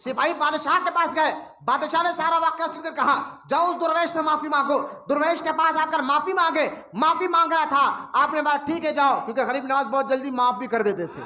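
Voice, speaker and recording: A male preacher with a very high, bright and forceful voice delivers an impassioned sermon. He tells stories, rising to shouted emphasis and calling out to the crowd. The sound carries the echo of a large gathering's speakers. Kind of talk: sermon storytelling. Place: religious gathering hall.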